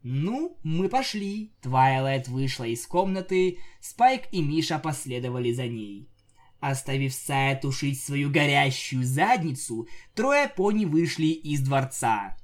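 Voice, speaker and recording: A man narrating a comic fan fiction story with lively, jokey asides. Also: medium pitch, measured pace. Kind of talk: comic audiobook reading.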